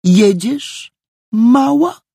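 A man reading an audiobook voices a spiteful, bossy teenage girl with a sharp, scornful delivery, in a raised voice. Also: fairly high pitch, animated, normal speed, vocal fry, breathy edge, no room sound, studio quality, voice pushed up, full character voice. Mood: threatening.

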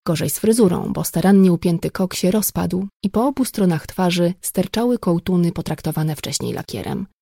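A woman reading an audiobook in steady, even scripted narration. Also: lowish voice, moderate pace, vocal fry, hardly any pauses, no echo, clean studio sound.

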